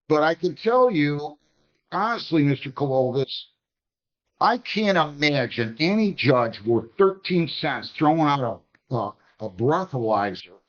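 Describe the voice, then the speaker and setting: A man's voice: mid-range voice, muffled recording. A man presiding as a judge in a courtroom hearing, stern and exasperated as he lectures counsel.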